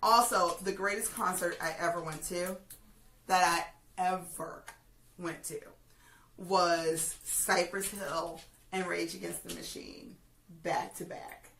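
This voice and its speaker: A woman hosting a music review, chatting casually and giving opinions in an emphatic, halting way that repeats phrases. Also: lowish voice, gravelly, fairly bright tone. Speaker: host of a music review video. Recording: roomy, distant mic, faint noise.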